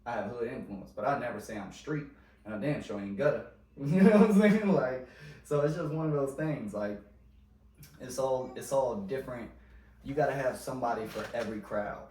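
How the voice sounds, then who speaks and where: A podcast host with a mid-range, somewhat mellow voice talks in a loose, casual ramble, full of slang and filler words, often trailing off before picking back up. Faint noise and a roomy sound come from the distant mic.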